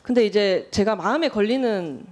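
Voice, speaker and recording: A woman in her thirties, a lawmaker, questioning a nominee in a formal hearing room in a measured, pointed and direct way. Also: mid-range voice, lively intonation, darkish tone. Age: 30s.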